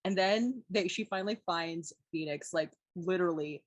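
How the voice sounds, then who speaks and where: A woman's voice: lowish voice, moderate pace, no room sound. A young woman co-hosting a podcast, chatting casually and retelling a story with lots of "like"s and acted-out quotes. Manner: animated storyteller, many "like"s, acts out quotes. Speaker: podcast co-host. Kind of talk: casual chat.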